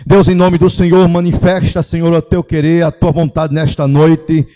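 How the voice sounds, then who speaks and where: A man leading a church service in prayer, building from calm greetings to impassioned pleading. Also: a little high, normal speed. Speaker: church leader opening the service. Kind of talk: fervent congregational prayer. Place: church sanctuary.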